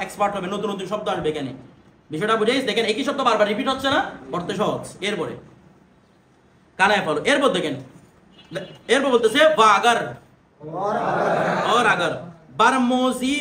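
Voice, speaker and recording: High-voiced male teacher in echoey classroom. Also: pushed and bright. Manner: asks students questions and drills pronunciation. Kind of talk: classroom lesson. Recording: echoey room with background noise.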